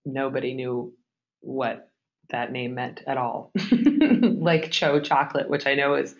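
A woman's voice: very deep voice, fairly even intonation, a little slow. A woman moderating a Q&A, reading out audience questions and laughing easily. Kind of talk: hosting a Q&A webinar. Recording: muffled lo-fi audio.

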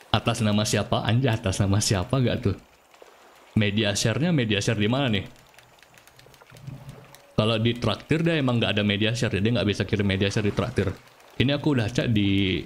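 A man's voice: fairly low pitch, slight background noise. A man from Bali with a Balinese accent, chatting casually on a live stream, answering viewers while he plays and laughing often. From Bali, Indonesia.

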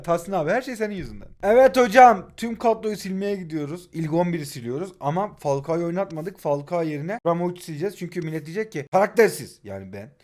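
A man in his twenties from Turkey talks over his own mobile football match as a gaming YouTuber. His voice sits high for a man, and he swings from loud shouts at his players to quiet, grumbling asides. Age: 20s. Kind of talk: excitable live gameplay commentary.

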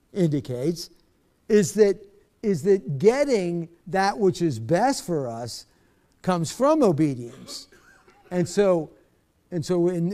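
Speaking in a high voice with a dark tone, a middle-aged pastor leads a bible study from the church stage. His delivery is conversational, and he frequently repeats words as he hunts for what to say.

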